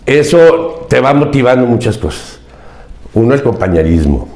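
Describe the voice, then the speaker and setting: A Mexican man in his seventies, appearing as a podcast guest, tells his life story in an earnest, emphatic, reflective way, often repeating key phrases. His mid-range voice is very animated and a little mellow, at a normal speed, with a roomy sound.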